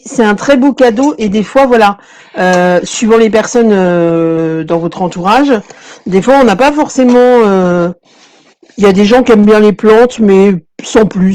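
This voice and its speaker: A woman leads a live crafting tutorial in a loose, chatty way. Her tone is mellow and relaxed. She keeps drifting off into asides and restarting her sentences as she explains the work. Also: medium pitch. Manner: chatty, digressive, many fillers and restarts. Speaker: crafting demonstrator.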